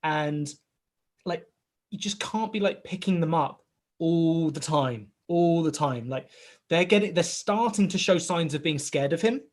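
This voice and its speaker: A man in his thirties co-hosting a casual podcast, telling a rambling, animated story full of "like" and "right?" and acting out bits of dialogue. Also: fairly high pitch, unhurried. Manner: acts out quoted dialogue in the story. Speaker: podcast co-host, father of a young boy. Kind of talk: casual chat.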